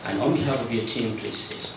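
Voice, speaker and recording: A man's voice: lowish voice, fairly quick, gravelly. A man moderating a conference, giving courteous, formal thanks. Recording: echoey hall, distant mic, noise.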